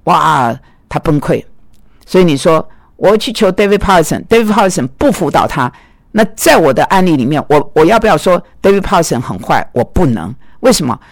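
A man teaching biblical counseling, telling anecdotes in an animated way and voicing quoted dialogue. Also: on the high side, brisk, vocal fry, no echo, studio quality. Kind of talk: lecture with personal anecdotes.

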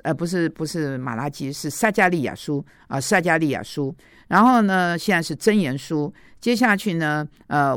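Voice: mid-range voice, dry recording. Preacher, 50s, off-the-cuff devotional talk, drops English words, very dry recording. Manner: conversational, mixes in English words, many fillers. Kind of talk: devotional teaching and prayer.

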